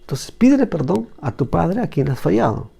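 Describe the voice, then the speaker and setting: A man's voice: on the high side, animated, normal speed, creaky, dark tone, slightly rough. A man teaching a Bible lesson in conversation, repeating phrases for emphasis.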